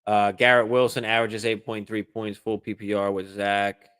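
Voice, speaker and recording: A man hosting a live fantasy football stream, answering viewer questions in a relaxed, casual way, swearing freely and using lots of fillers and restarts. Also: on the low side, moderate pace, smooth. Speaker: fantasy football show host.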